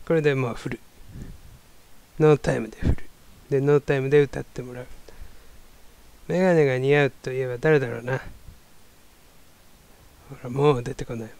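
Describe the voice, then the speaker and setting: A man's voice: medium pitch, steady tone, fairly quick, gravelly, long pauses, a little mellow. A man talking to himself in a casual solo monologue, rambling and muttering as he tries to remember things. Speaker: solo talker.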